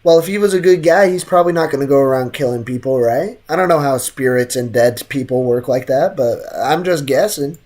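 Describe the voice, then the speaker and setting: A young American man streams a game, chatting casually in slang as he reads his chat and answers it. His voice is medium-pitched and darkish, and he talks briskly with few pauses. Game music plays in the background.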